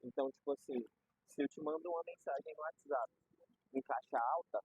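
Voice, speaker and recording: A man's voice: fairly high pitch, fairly quick, a little mellow, slight background noise. A young man with a Brazilian Portuguese accent, chatting casually and explaining ideas with everyday examples and slang. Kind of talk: casual conversation. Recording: dull lo-fi recording.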